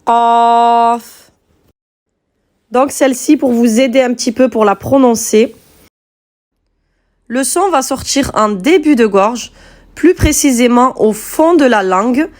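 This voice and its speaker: A woman teaching Quranic letters step by step, patient and clear, spelling out sounds slowly and distinctly. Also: on the high side, darkish tone.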